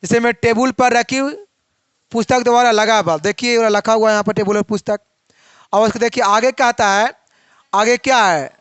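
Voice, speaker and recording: High-voiced man teaching a physics lesson. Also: fairly even intonation, normal speed, a bit bright, clean tone, no echo. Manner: asks questions and answers them himself.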